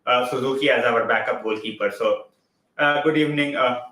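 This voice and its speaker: A football live-stream host with an Indian English accent chats loosely and greets viewers by name. His mid-range voice is bright, forward, and a little fast, with a clear room echo around it.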